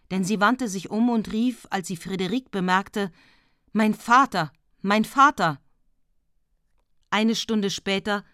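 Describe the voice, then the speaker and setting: Female audiobook narrator, calm literary reading, mid pitch, dry studio. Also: clear, resonant tone, no room sound.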